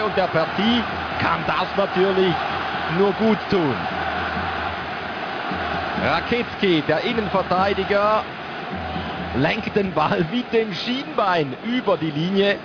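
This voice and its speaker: A man commentating on a televised football match, analysing play in short phrases. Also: high-pitched. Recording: muffled broadcast audio over loud stadium noise. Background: stadium crowd noise.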